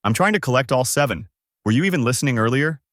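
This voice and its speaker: A man voicing a bossy, excitable young woman in a fan-made story, talking in a raised, snappy, impatient voice. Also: medium pitch, fast talker, dry recording, clean studio sound, lightly acted.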